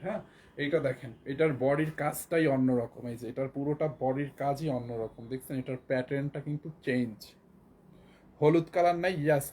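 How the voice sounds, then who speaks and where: A hoarse man with a Bangladeshi Bengali accent, selling clothes on a live stream and repeating prices again and again. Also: a little high, warm tone. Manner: repetitive, keeps repeating prices and urging viewers to buy. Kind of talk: live shopping sales pitch.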